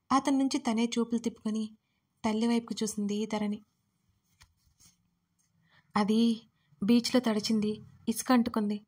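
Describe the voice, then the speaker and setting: A woman reading a romance story aloud in a steady, soft-spoken narration. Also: medium pitch.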